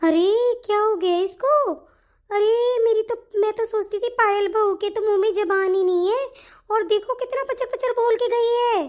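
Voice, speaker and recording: A woman's voice: very high voice, normal speed. A woman voicing a bossy mother-in-law. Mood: grumbling. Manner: sharp, commanding, nagging. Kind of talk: animated family story voice acting.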